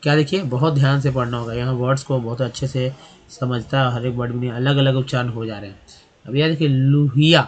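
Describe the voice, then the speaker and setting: A man's voice: mid-range voice, steady tone, fairly quick, dull audio. A man teaching English pronunciation, spelling words out letter by letter and asking and answering his own questions. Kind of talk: explaining pronunciation.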